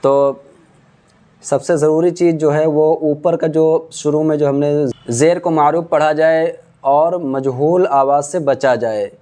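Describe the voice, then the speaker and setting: A man teaching Quran reading in a slow drill lesson, patiently spelling out letters and vowel marks syllable by syllable. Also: fairly high pitch, steady tone, mellow.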